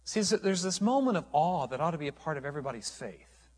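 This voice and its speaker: A man's voice: on the high side, animated, fast talker, big-room sound. A man preaching a sermon as a pastor, earnest and emphatic, often restarting his phrases.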